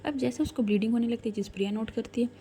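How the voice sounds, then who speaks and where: A woman's voice: fairly high pitch, rapid-fire, mellow, slight background noise. A woman telling a love story in a chatty, casual way, talking straight to her listeners. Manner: chatty, addresses listeners directly.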